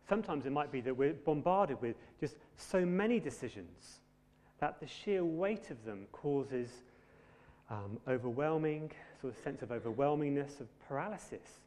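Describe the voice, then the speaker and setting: A man preaching a sermon in a conversational, gently humorous way. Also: medium pitch, expressive, moderate pace. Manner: conversational, self-deprecating humour. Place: church. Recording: long hall reverb.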